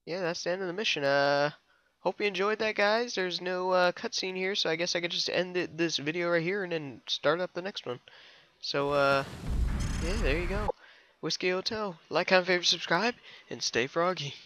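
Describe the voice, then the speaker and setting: A man's voice: high voice, normal speed, no room sound. A young man giving casual, offhand commentary over a game walkthrough, rambling a little as he goes. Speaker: gaming video creator. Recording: loud game noise behind the voice.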